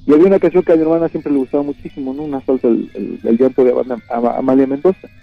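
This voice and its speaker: A man, a caller on a radio show, earnestly telling a personal story with halting restarts. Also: mid-range voice, fairly even intonation, gravelly. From Mexico. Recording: muffled radio audio, faint music.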